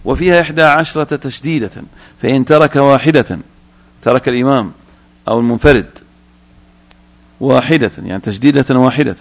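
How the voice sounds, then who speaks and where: A man's voice: medium pitch, a little fast, pauses often. A man teaching Islamic jurisprudence, reading a line from a text and then explaining it, often putting questions to his students.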